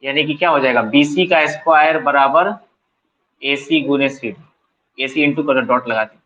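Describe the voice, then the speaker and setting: A man's voice: medium pitch, normal speed, fairly bright tone, lo-fi sound. A man tutoring math in colloquial Hindi with a Bihari accent, asking his students questions and answering them himself as he works through the steps. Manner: colloquial, mixes English math terms into Hindi. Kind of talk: classroom math lesson, working through steps aloud. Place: coaching centre classroom.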